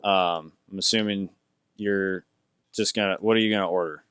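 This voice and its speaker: A young man narrating as game master for a tabletop game, with a low, smooth voice. He talks in a rambling, hesitant way full of fillers. The sound is dry and close. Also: fairly even intonation, moderate pace, fairly bright tone, no room sound.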